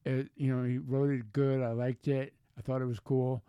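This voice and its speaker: A man's voice: mid-range voice, little pitch movement, moderate pace, smooth, dry recording, highs cut off. A man in his seventies chatting as an interview guest, telling stories in the blunt, folksy, plain-spoken way of an old sailor. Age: 70s. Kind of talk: casual chat, storytelling.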